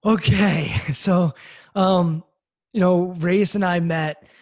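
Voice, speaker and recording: A man's voice: high voice, fairly even intonation, takes it slowly, no echo, studio quality. A man hosting a video call panel in an upbeat, friendly way. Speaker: host.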